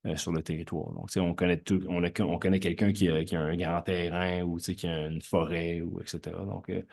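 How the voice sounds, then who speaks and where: A man's voice: sits low, little pitch movement, fairly quick, creaky, a little mellow. A man with a Quebec French accent chairing a council meeting, replying informally in a hesitant, roundabout way. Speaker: council chair answering residents.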